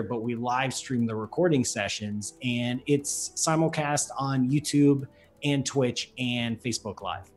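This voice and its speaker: Man in his 30s, medium pitch, deadpan, wry, casual guest chat, music behind. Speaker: guest astrophysicist. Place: indoors on a video call. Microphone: desktop microphone in front of him.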